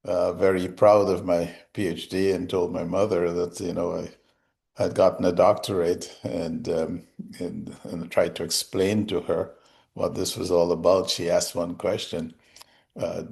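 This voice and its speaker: A man's voice: low voice, level tone, unhurried, creaky, a little mellow. A man from Guyana hosting an interview, asking questions in a friendly, conversational way. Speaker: host.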